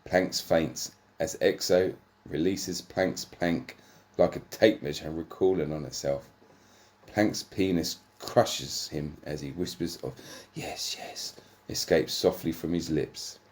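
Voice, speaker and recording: A man narrating a comic erotic story, deadpan, sometimes stumbling over words and swearing. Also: a bass voice, slow.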